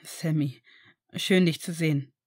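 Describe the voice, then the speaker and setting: A woman reading a storybook, voicing a weary male wizard teacher with a lowered, quiet, measured voice. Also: steady tone. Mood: calm, tender.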